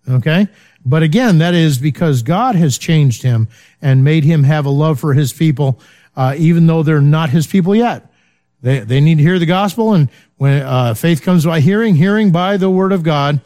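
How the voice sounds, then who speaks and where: A man with a slightly high, mellow voice leads a Bible study at a moderate pace. His teaching is loose and conversational, packed with fillers, and he keeps checking in with listeners by asking "okay?"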